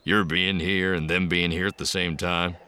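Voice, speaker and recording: A man's voice: sits low, level tone, moderate pace, bright, forceful tone, smooth. A man voicing a jovial old hermit who talks in a folksy, chuckling, rambling way.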